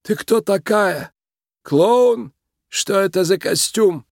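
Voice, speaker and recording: A man voicing a tiny elderly male shrew crime boss with a creaky, commanding voice, speaking slowly in a storybook reading. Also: sits high, expressive, no echo, clean studio sound, voice pushed up, exaggerated voice. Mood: cold menace. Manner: slow, drawn-out menace.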